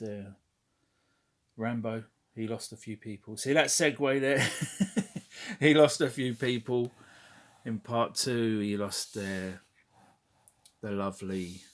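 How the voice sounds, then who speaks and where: A man with a fairly low voice talks about his collection in a loose, unscripted vlog. He rambles, fills gaps with "uh", and swears casually, and he comes across as frank and conversational. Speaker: toy collector vlogger.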